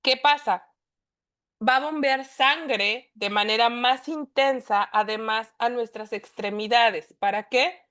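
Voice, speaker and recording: A woman with a Mexican accent teaches a class in a voice that sits a little high. She explains things patiently, point by point, and keeps asking rhetorical questions to check that her listeners follow. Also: slow pace, fairly bright tone. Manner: explanatory, poses rhetorical questions and tags them with "¿no?". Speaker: instructor. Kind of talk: class lecture.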